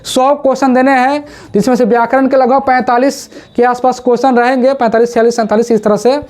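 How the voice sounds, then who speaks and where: A woman teaching Hindi grammar for exams, asking questions and drilling the pronunciation of each word slowly. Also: on the high side, steady tone, a little mellow. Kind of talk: exam-prep classroom lesson. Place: classroom with a board.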